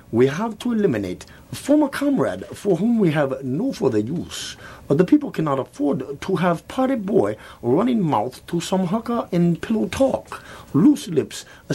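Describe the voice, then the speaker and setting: A man's voice: on the high side, darkish tone, husky, exaggerated voice. A man playing a scheming, gloating communist spymaster with a put-on foreign accent in a comedy sketch.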